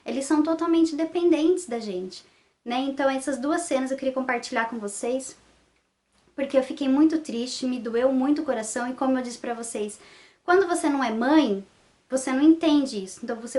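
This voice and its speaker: High-voiced indignant mother. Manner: indignant, emphatic storytelling. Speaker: vlogger and mother. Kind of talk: casual vlog monologue.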